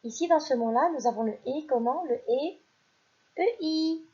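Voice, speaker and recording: A woman teaching a primary school phonics lesson, who reads each word out loud twice and praises the children. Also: sits high, highs cut off. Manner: slow and deliberate, repeats each word and stresses it louder; addresses pupils directly, praising them. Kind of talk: recorded French phonics lesson.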